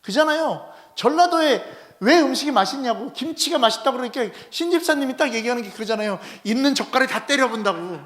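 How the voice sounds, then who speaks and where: High-voiced male pastor preaching animatedly. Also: fast, hardly any pauses. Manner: animated, constantly addressing the congregation with rhetorical questions. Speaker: head pastor. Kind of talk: Sunday sermon. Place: church sanctuary.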